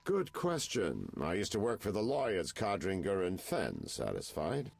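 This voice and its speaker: An actor playing a world-weary private detective in a video game, with a theatrical, insinuating noir delivery. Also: male voice, low-pitched, wildly swooping pitch, measured pace, gravelly, breathy edge, faint music behind, full character voice. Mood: sly, suave. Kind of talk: video game dialogue acting.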